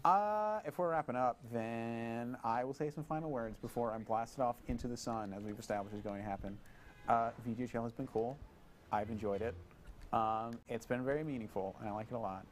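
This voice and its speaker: A young man with a voice of everyday middle pitch, co-hosting a student TV show in a college studio. He talks in a wry, playful way and hands out quick verdicts. A faint hiss sits under his microphone. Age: young adult. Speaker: co-host. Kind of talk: casual chat on a student TV show. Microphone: wearing a microphone.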